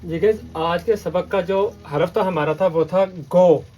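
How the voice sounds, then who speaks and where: A man's voice: high voice, measured pace, darkish tone, faint music behind. A man from Pakistan teaching a language lesson, repeating words and often checking in with the listener. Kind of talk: patient classroom lesson.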